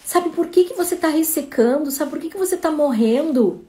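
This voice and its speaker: A woman's voice: a little high, moderate pace, warm tone, lightly acted. A woman voicing a restless, stuck man who goes looking for God, speaking urgently in a told parable. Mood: excited.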